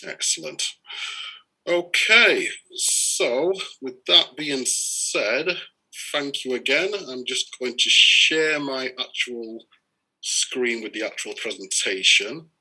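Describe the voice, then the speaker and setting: A man's voice: medium pitch, lively intonation, slow, bright, forceful tone, breathy edge, rough recording. A man hosting a live-streamed party meeting, polite and welcoming, with some fillers. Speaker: host of an online party meeting.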